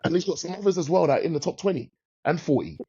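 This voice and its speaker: A middle-aged man with a London accent co-hosting a casual film review chat, slangy and animated, repeating himself for emphasis. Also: a little high, fast, breathy edge. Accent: British, London. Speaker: podcast co-host reviewing films. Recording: slightly dull, lo-fi sound.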